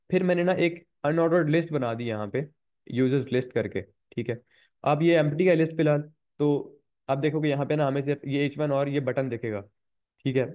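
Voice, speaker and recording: A man with a slightly sore throat teaching a programming lecture, walking students through code step by step and repeating key points. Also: medium pitch. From Pakistan. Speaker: programming instructor. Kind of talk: screen-recorded coding lecture. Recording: tinny phone-like recording.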